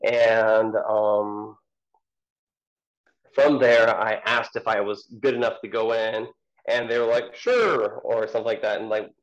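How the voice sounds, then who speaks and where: A man's voice: lowish voice, level tone, unhurried, lo-fi sound. A man, an ultrarunner guest, answering interview questions in a casual, hesitant way with many ums and restarts.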